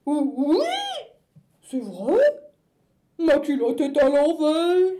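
A woman's voice: high voice, lively intonation, very slow, dark tone, voice pushed up, exaggerated voice. Father Christmas, flustered and grumbling, as a woman puts him on. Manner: exclaims and frets, scolds. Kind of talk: children's storybook acting.

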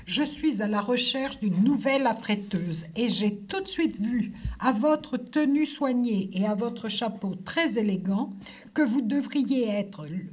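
A refined, effusive milliner, as a woman reader puts her on in a storybook. She speaks formally and courteously, with polished diction and a slightly raised, bright pitch. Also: lively intonation, unhurried. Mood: gracious. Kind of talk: storybook reading.

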